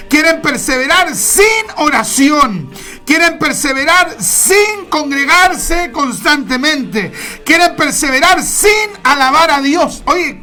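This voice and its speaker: A woman preaching a sermon, emphatic and repetitive, stretching key words and now and then bursting into shouts. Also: high-pitched.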